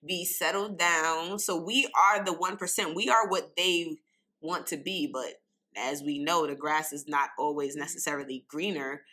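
Loud New York woman hosting. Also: lowish voice. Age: young adult. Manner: loud, unfiltered, addresses listeners directly. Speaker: podcast host. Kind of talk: casual podcast talk.

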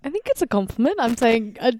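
A woman's voice: fairly high pitch, big pitch swings, fast, darkish tone, no echo, studio quality. An Australian woman co-hosting a podcast in casual, jokey, teasing chat. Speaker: podcast co-host.

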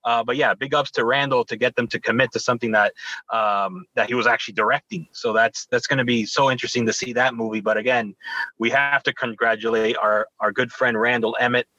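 Effusive male co-host, bright voice, dull and dry recording. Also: mid-range voice, steady tone, a little fast, no room sound. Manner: enthusiastic, effusive. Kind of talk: casual podcast chat.

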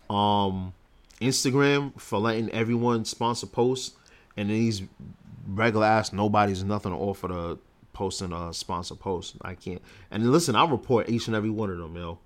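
A man's voice: on the low side, moderate pace. A man co-hosting a casual podcast, ranting in slangy, petty complaints. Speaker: podcast co-host. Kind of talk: casual chat.

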